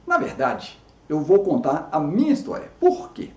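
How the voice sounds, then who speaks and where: A man's voice: a little high, huge pitch swings, normal speed. A man in his fifties, a dermatologist, telling his own story in a chatty way with frequent restarts and self-corrections. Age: 50s. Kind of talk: personal story to camera. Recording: echoey room, dull lo-fi sound.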